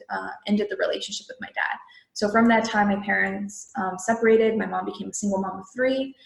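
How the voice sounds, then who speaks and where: A young adult woman from Peru speaks as a guest in a relaxed interview. Her talk is chatty and loose, full of fillers, and her voice has a gravelly fry. The recording sounds roomy and echoey. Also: medium pitch. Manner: chatty, frequent fillers like "like" and "you know".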